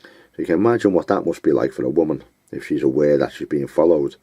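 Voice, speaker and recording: Very deep-voiced blunt, scornful man. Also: dark tone, slightly rough, dry recording. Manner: blunt, scornful, name-calling; halting, with many fillers. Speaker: vlogger giving advice. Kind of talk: unscripted monologue.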